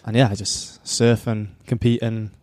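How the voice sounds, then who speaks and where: A man's voice: fairly low pitch, flat delivery, moderate pace, a little mellow, dry recording. Young man with a Cardiff accent, dry recording. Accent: Cardiff, South Wales. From Cardiff, South Wales. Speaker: podcast guest, competitive surfer. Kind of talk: casual chat.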